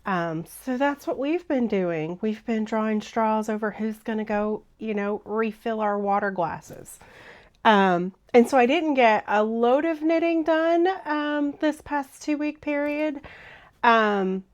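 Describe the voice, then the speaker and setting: A woman hosting a knitting vlog in a chatty, rambling way, her voice hoarse and froggy. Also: a little high, slow pace, highs cut off. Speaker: knitting vlogger. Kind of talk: casual vlog chat.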